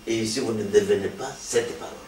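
Un pasteur congolais d'âge mûr, invité, répond à une interview sur un ton de sermon, expliquant la doctrine avec sérieux et insistance. Sa voix masculine, assez grave et au timbre sombre, avance plutôt vite avec une intonation assez égale. Enregistré dans un petit studio au papier peint à motifs, le son est réverbérant et lointain, avec un léger souffle.

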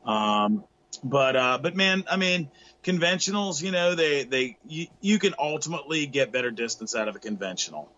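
In a relaxed video-call interview, a middle-aged guest expert describes surf fishing technique from a tackle shop, stumbling through many fillers and restarts. His mid-range voice is expressive and sharp at a moderate pace, while the laptop webcam cuts off the highs and lets in slight background noise.

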